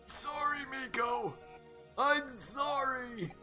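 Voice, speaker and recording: A frightened ghost cat from a video game, its voice pitched way up, thin and strained as it pleads, as a streamer puts it on. The tone is bright and edgy, and soft music plays underneath. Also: male voice, extremely slow, exaggerated voice. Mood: pleading.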